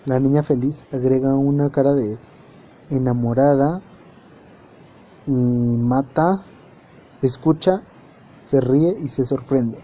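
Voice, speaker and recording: A man's voice: mid-range voice, takes it slowly, pauses often, warm tone, muffled recording. A man hosting a podcast, wryly recounting chat messages in a jokey, casual way. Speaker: podcast host.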